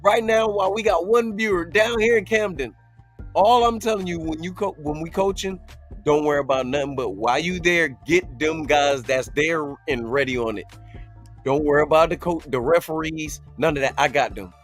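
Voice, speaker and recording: High-voiced animated coach, talking fast. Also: male voice, faint music behind. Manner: animated, swings loud and soft, talks in quick bursts. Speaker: youth basketball coach. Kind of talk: casual sports talk.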